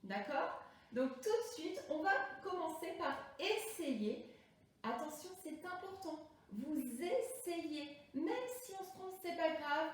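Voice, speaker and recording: Slow, high-voiced woman teaching young children. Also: expressive. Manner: slow, deliberate, stretching out words for children. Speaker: primary school teacher. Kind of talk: remote class lesson for young children. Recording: echoey room, voice from a distance.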